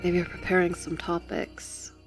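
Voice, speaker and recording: This livestream host and artist has a lowish, gravelly voice with flat delivery and a measured pace, captured in poor audio. Still, she chats casually and expressively with her audience, giggly and talkative, over background music.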